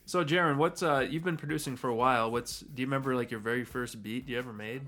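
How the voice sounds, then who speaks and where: A man's voice: medium pitch, fast talker, fairly bright tone, soft background music. A man hosting a casual podcast interview, chatty and joking with his guests. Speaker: podcast host.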